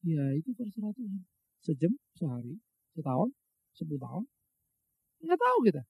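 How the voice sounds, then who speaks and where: With a highish, husky voice full of vocal fry and wildly swooping pitch, a middle-aged pastor preaches briskly and emphatically. He speaks straight to his brothers and sisters in casual language, asking and answering his own rhetorical questions amid colloquial asides. The audio is dry, echo-free, muffled and slightly lo-fi.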